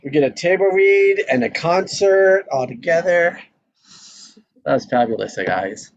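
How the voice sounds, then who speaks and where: A man hosts a casual online group chat for a table read show, effusive and encouraging in manner. His voice is on the high side, expressive and unhurried. The video call audio is muffled, with clear noise and clicks.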